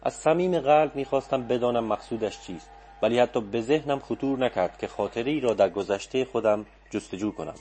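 A man reading a literary story aloud as an audiobook narrator, in a calm, reflective manner. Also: medium pitch. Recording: faint background music.

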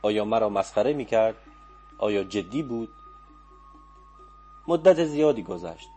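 A man reading a literary story aloud as an audiobook narrator, in a calm, reflective manner. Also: lowish voice, breathy edge. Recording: faint background music.

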